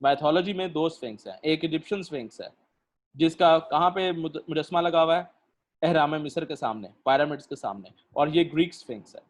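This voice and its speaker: Man lecturing slowly, with many fillers. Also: on the high side. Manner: explains slowly with many pauses and fillers, asks students questions. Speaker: literature lecturer. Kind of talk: online lecture.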